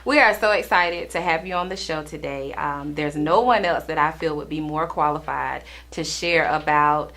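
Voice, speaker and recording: Low-voiced woman talk show host. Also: moderate pace, hardly any pauses, a bit bright. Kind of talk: conversational talk show hosting.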